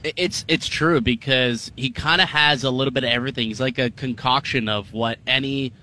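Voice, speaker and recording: A man's voice: medium pitch, fairly even intonation, a little fast, pushed and bright. A man hosting a sports talk show in a studio, speaking conversationally with emphatic enthusiasm. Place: radio studio.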